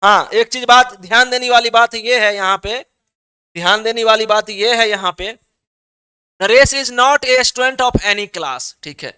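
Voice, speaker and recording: A man's voice: sits high, unhurried, sharp tone, clear, resonant tone. A man teaching an online exam-prep class, who reads out students' answers and keeps coaxing them, checking often that they have understood.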